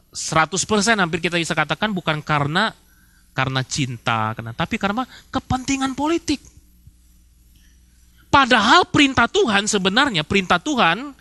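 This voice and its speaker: A man's voice: high-pitched, pushed and bright, no echo. A male pastor, preaching a sermon in casual slang and asking the congregation rhetorical questions. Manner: casual Jakarta slang, rhetorical questions, acts out quoted spouses.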